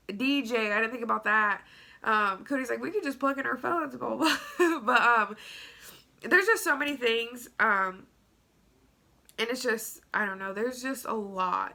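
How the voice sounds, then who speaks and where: A woman's voice: a little high, vocal fry, sharp tone. A young woman with a stuffy nose telling a story to her vlog audience, chatty and rambling with lots of fillers. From Tennessee. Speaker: vlogger. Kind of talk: casual story-time vlog.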